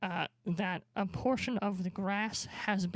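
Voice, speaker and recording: A woman's voice: medium pitch, steady tone, no room sound, studio quality. A woman narrating a tabletop game as game master over a voice call, her words choppy and the endings of her sentences dropping out, with many uh and um fillers. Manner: unhurried narration full of uh and um fillers. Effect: voice call audio cutting out, sentence endings dropped. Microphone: desk microphone on a voice call.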